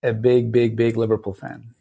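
In a casual interview, a Turkish man in his late thirties appears as a podcast guest, speaking with a Turkish accent. He is thoughtful and often pauses to find words, his mid-range voice flat, gravelly and dark with a breathy edge.

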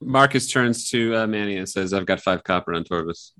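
Low, bright-toned man playing a tabletop game. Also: a little fast. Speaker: player.

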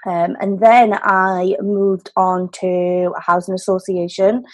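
A woman's voice: medium pitch, little pitch movement, slow pace, a little mellow. A woman in her thirties with a Welsh Valleys accent, telling her story conversationally as an interview guest. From Wales, the valleys. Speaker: podcast guest, business owner.

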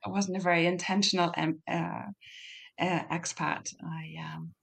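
A middle-aged woman with a west of Ireland Donegal accent, chatting casually as an interview guest and often pausing to think aloud. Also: on the low side, flat delivery, gravelly, fairly bright tone. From Donegal, northwest Ireland. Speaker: podcast guest.

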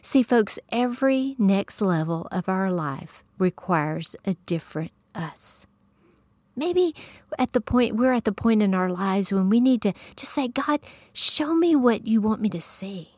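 Middle-aged woman preacher, folksy testimony, mid pitch, close dry mic. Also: expressive, unhurried, a little mellow, no room sound. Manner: folksy, self-deprecating storytelling, addresses listeners as folks and y'all. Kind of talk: testimony sermon.

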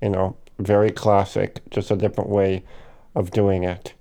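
A man talking slowly and reflectively in a personal monologue, hesitating with fillers and correcting himself, with hiccups now and then. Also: low-pitched, level tone, vocal fry, dark tone. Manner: slow and hesitant, many fillers and self-corrections. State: has the hiccups.

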